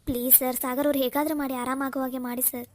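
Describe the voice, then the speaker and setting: A woman's voice: high voice, little pitch movement, fast talker, darkish tone, no room sound, natural voice. A woman voicing a distraught young woman in a cartoon, pleading and tearful. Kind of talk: Kannada cartoon voice acting.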